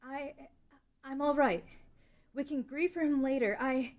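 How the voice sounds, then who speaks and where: A woman acting a high-voiced, defiant young princess. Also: fairly even intonation, measured pace, darkish tone. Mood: stubborn grief. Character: grieving, defiant young princess of a fantasy kingdom. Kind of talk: table read of a fan-written audio drama.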